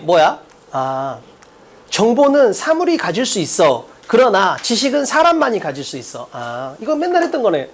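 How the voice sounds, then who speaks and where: A man teaching an exam-prep English lesson, drilling students with quick rhetorical questions and emphatic repetition. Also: high voice. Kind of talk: recorded exam-prep lecture.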